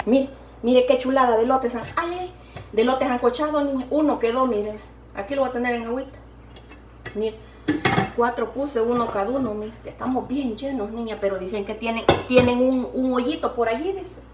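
Cooking in her home kitchen, an older woman vlogs in a casual, chatty way, upbeat, laughing often, and affectionately addressing viewers as "niña" and "hija linda." She speaks at a moderate pace in a voice on the high side, recorded in an echoey room from a distant mic with background noise.

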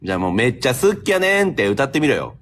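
A man's voice: mid-range voice, very animated, racing, a bit bright. A man with a Kansai accent hosting a live stream battle, teasing and throwing playful insults.

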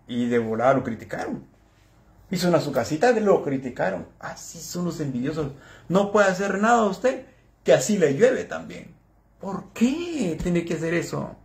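A man talking casually to camera as a channel host, telling stories animatedly and acting out what other people said. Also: on the high side. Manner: animated storyteller who acts out other people's lines.

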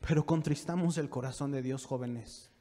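A man preaching a sermon to young people, building from calm talk to fervent shouting. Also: mid-range voice, normal speed. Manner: preaching with rising fervor, shouting at peaks. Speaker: pastor. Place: church sanctuary. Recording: long church reverb.

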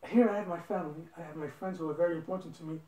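A young Belgian man in his twenties, an interview guest, answers questions earnestly and casually, repeating points for emphasis. His voice sits on the high side, steady, mellow and rapid-fire. He's recorded indoors in a living room by a phone camera across a table, so the sound is roomy and distant.

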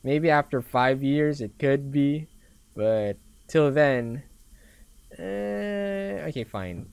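A man's voice: fairly high pitch, lively intonation, extremely slow, vocal fry, darkish tone, clean tone, dry recording. A young man with a Filipino accent commenting casually on a horror game as a scared, reactive streamer. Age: young adult. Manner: scared, reactive gamer exclamations.

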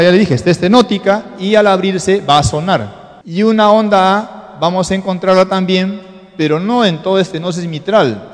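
Man, Peruvian Spanish accent, medical lecturer, explanatory, rhetorical questions, fairly high pitch, reverberant lecture room. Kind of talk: exam-prep cardiology lecture. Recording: long hall reverb.

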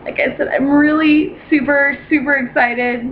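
A young woman in a casual home vlog, talking about a doll she bought and gushing with excitement, with lots of ums and restarts. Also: sits high, normal speed. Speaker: doll collector vlogger. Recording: dull lo-fi home video with faint hiss.

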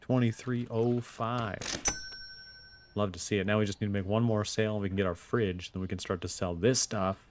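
A man hosting a gameplay video mutters his thoughts in a laid-back way while playing a store management game, giving casual let's play commentary. His voice is fairly low and fairly even in intonation, and he talks a little fast. Background noise can be heard.

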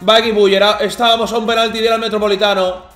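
A man recapping football matches as excited commentary, emotional and shouting at misses. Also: high voice, quick pace, reverberant, soft background music. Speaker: team president and streamer recapping matches.

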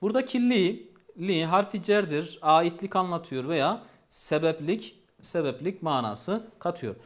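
Male teacher, patient and repetitive, voice a touch high. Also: expressive, unhurried. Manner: patient, repeats each phrase and asks questions. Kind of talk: language lesson.

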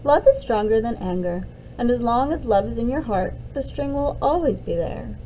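Gentle, mellow storybook mom, read by a woman. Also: a little high, lively intonation, normal speed, slight background noise, lightly acted, rough recording. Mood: tender, certain. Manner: soothing, patient. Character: gentle, reassuring young mother of twins.

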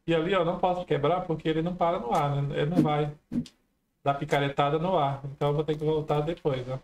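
A man's voice: on the high side, fairly even intonation, fast, a little mellow, a little hiss or hum. Chatty man narrating his gameplay. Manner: chatty, talks to viewers, many exclamations. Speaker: gameplay streamer. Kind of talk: casual let's-play commentary.

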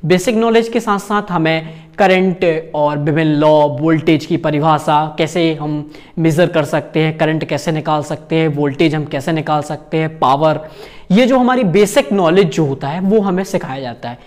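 A man's voice: fairly high pitch, normal speed, a little mellow. Young man explaining a course to camera. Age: young adult. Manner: casual, peppers talk with filler tags and gestures while explaining. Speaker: channel host, course guide.

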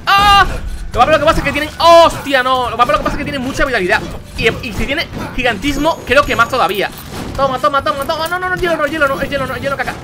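Fast-talking excitable young Spanish man gaming. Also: extremely high pitch. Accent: Spain. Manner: excitable, shouts and swears at the game. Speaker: gaming youtuber. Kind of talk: casual let's play commentary.

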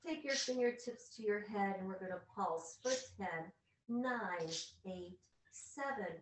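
A woman's voice: medium pitch, measured pace, slight background noise. A woman leading an exercise class in short, directive coaching cues and counts while working out on the mat herself. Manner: physically exerting while talking, lying on mat. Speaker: fitness instructor. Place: large wood-panelled living room. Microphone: far camera on a video call. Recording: echoey living room, distant video-call mic.

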